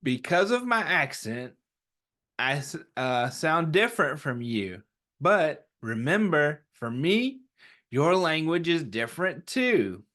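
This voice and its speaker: Slow and sing-song, this man's slightly high, fairly bright voice leads a children's story time, where he reads aloud, encourages the young listeners, and often answers his own questions.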